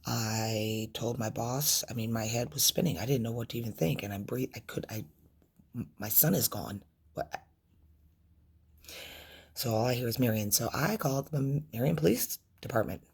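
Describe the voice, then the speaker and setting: A middle-aged woman telling a personal story in a vlog, in a halting, emotional way with many restarts and trailing phrases. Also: rumbling low, creaky, darkish tone, slightly rough. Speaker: vlogger recounting a loss.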